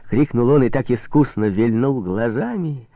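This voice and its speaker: A man narrating a classic novel expressively, in an unhurried storytelling manner. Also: mid-range voice, lively intonation, no room sound. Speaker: audiobook narrator. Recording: dry, narrow phone-like sound.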